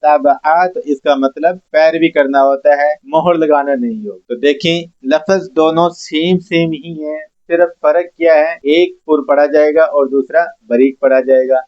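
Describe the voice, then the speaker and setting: A man with a fairly high voice teaching Quran pronunciation, repeating each syllable slowly and deliberately. The recording is muffled and lo-fi. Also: steady tone, darkish tone. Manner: slow, repetitive, drawn-out syllables for students to copy. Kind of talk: tajweed lesson, drilling letter sounds. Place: mosque classroom. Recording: dull lo-fi recording.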